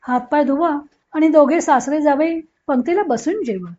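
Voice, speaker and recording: A woman reading the part of a sharp-tongued, teasing older aunt who talks bluntly and scolds, in a dull lo-fi recording. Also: sits high, normal speed, close to an everyday voice. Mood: scolding.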